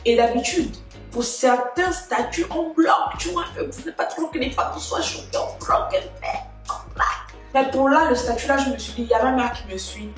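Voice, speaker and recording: A young woman vlogger telling a personal story in an animated, dramatic way. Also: high-pitched, normal speed, soft background music. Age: young adult. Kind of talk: storytime vlog. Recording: very echoey room.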